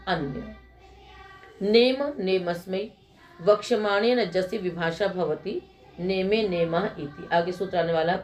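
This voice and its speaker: A middle-aged woman giving a grammar lecture, asking her class questions and answering them herself, and reciting rules in a slow, measured chant. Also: mid-range voice, darkish tone, slight background noise. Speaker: Sanskrit grammar teacher.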